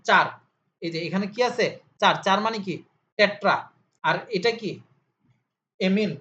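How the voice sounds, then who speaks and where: A man's voice: sits high, fairly bright tone. A male tutor in an informal lesson, asking questions and answering them himself, repeating key terms in drills. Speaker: chemistry tutor. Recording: slightly dull audio with faint hiss.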